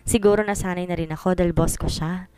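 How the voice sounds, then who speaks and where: A woman's voice: on the low side, fairly even intonation, fast, warm tone, clear, resonant tone, dry recording. A woman narrating a romance story in a chatty way, mixing English into her telling. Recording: faint background music.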